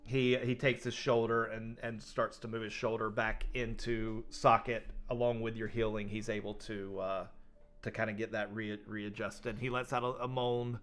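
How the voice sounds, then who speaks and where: A man's voice: on the low side, little pitch movement, moderate pace, fairly bright tone, faint music behind. A man narrating a tabletop game as game master, hesitant with many fillers.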